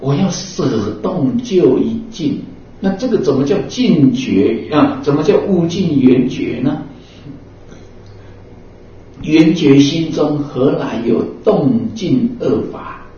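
A man preaches Buddhist teaching in a casual, chatty way, dropping in fillers and little acted-out exchanges. His voice is soft and mellow. He sits away from a dull mic in a very echoey hall. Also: a little high, animated, slow pace, pauses often, slight background noise. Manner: conversational, acts out little dialogues, many fillers like 啊 and 哦. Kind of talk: sermon. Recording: roomy echo from a distant, dull mic.

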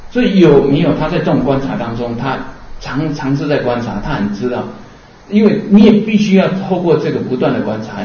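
A man's voice: mid-range voice, mellow. A man giving a Buddhist Dharma lecture, explaining earnestly and asking rhetorical questions along the way. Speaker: Buddhist teacher. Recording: distant, dull, roomy lecture recording.

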